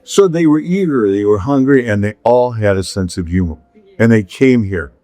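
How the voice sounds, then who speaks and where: A man's voice: fairly low pitch, lively intonation, moderate pace, mellow, no echo. A middle-aged man from California, hosting a casual chat and telling rambling stories with frequent laughs. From Pacific Palisades, California. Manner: rambling storyteller, laughs often. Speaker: podcast host.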